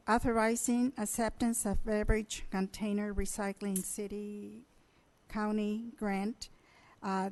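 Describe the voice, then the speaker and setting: A woman mayor chairing a council meeting, hoarse and losing her voice, halting with fillers and throat clearing. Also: medium pitch, a little mellow, rough recording.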